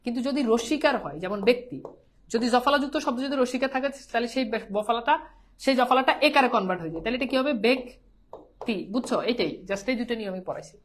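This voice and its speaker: A woman's voice: on the high side, quick pace. A woman teacher gives a pronunciation lesson. She drills each word by repeating it and keeps quizzing her students.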